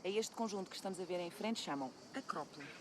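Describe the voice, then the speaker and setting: A woman's voice: on the low side, expressive, fast talker, background noise, lightly acted. A woman playing a patient Portuguese professor mother. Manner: patient, explanatory, formally polite. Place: outdoors at an ancient site.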